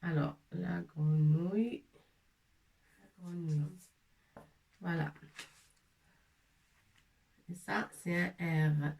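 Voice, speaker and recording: Woman teaching a lesson real slow, says each word over and over, a bit far from the mic. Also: fairly low pitch, gravelly, darkish tone, echoey room. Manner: repeats words slowly, asks the viewers questions. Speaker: Arabic teacher. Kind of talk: slow, patient language lesson.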